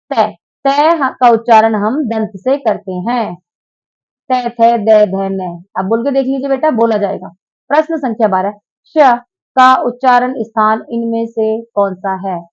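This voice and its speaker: A woman's voice: on the high side, a little mellow, highs cut off. A woman teacher taking students patiently through exam questions, calling them 'beta' and drilling sounds aloud. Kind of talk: exam prep lesson.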